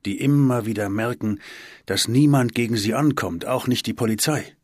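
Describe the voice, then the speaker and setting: A man's voice: medium pitch, moderate pace, dry recording, clean studio sound, natural voice. A man reading the part of a tired, resigned middle-aged father. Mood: weary.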